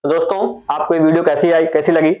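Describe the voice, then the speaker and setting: High-voiced male teacher quizzing himself. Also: fairly even intonation, fairly quick, a little mellow, poor audio. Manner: repetitive, asks and answers his own questions; addresses viewers as friends. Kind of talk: explaining memory tricks for a general studies lesson.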